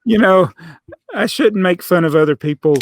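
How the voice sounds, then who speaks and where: A man's voice: high voice, normal speed, no echo. A middle-aged man hosting a podcast, telling rambling stories in a casual chat and laughing often. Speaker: podcast host.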